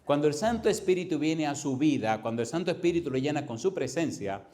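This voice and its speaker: A male pastor delivers a fervent sermon in a somewhat high voice. He stretches single words out slowly, then rushes through runs of phrases, hammering points home with repetition. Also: sing-song, mellow. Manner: fervent preaching with emphatic repetition; swings between slow stressed words and fast runs.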